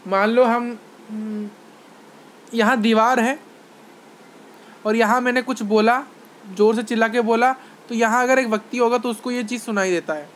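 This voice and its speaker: A man's voice: extremely high pitch, fairly even intonation, normal speed, long pauses, fairly bright tone. A man giving an online science lecture to students, repeating points, asking them questions, and mixing in English phrases. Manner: repetitive explanations, asks questions to students; mixes Hindi with English phrases. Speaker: science teacher.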